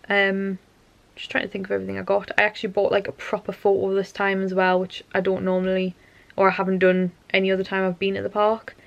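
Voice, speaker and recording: A young woman, exhausted and with a fading voice, chats on and on to camera from home at night as a vlogger, frequently derailing her own thoughts. She has a mid-range voice with vocal fry, captured without echo.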